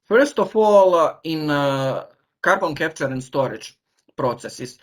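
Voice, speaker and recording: A man from Serbia, a professor giving an online lecture, pausing often as he searches for words over a video call. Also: a little high, lively intonation.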